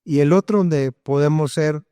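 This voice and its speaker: A man, a pastor speaking calmly and reflectively in a conversational testimony, with short preaching asides. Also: on the high side, normal speed, clear, resonant tone, dry recording, clean studio sound.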